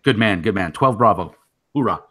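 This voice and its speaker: A low-voiced, husky man hosts a loose interview chat. He teases his guests and laughs a lot as he talks. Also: lively intonation, brisk, fairly bright tone. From Texas. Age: 50s. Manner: joking, teasing, laughs often. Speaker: host.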